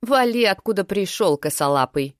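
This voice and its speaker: A woman's voice: medium pitch, lively intonation, normal speed, dry recording, clean studio sound, pitched above the performer's own voice, lightly acted. A woman voicing a rude, whiny twelve-year-old girl in a storybook reading, snapping and whining.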